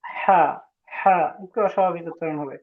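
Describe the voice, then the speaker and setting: A man leads an online pronunciation lesson, stretching each sound slowly and asking students to repeat. His voice sits high. It comes through a tinny, phone-like line. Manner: patient, drawn-out demonstration of sounds, calls on students. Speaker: Arabic alphabet teacher. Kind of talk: online class teaching pronunciation.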